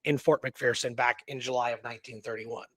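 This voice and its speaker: This co-host of a history radio show is a man with a mid-range, fairly even voice who speaks fairly quickly. Casually exploring a historical mystery, he poses rhetorical questions and seeks agreement with tags, in a slightly bright, dry recording.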